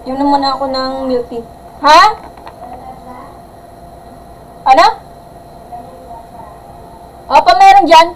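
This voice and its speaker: A woman math teacher giving a live-streamed algebra lesson in a loud voice that sounds angry, mixing English terms in and checking with "gets?". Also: high-pitched, takes it slowly, pauses often, slight background noise, poor audio. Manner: mixes English terms into Filipino, asks "gets?".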